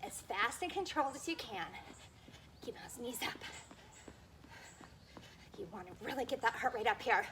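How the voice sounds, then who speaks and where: A woman leading a workout while exercising along, somewhat breathless, giving short form cues and steady encouragement. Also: a little high, moderate pace, pauses often, noisy background. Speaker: fitness instructor leading a workout. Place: indoors on carpet.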